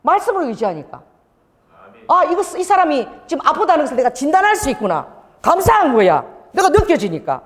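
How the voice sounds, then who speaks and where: A middle-aged woman pastor preaching a sermon in an animated storytelling manner, with laughter and quoted voices. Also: high-pitched, brisk, big-room sound. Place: church sanctuary.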